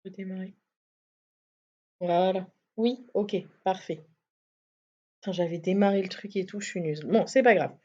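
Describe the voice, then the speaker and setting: A woman's voice: medium pitch, normal speed, long pauses, darkish tone. A woman streaming a game live, chatting casually, swearing and laughing at herself. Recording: slightly muffled stream mic.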